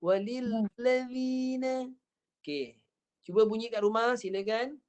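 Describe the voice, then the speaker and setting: A woman's voice: medium pitch, darkish tone. Patient Malaysian woman teaching recitation. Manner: patient, demonstrates sounds slowly and repeats them. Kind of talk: online tajwid lesson.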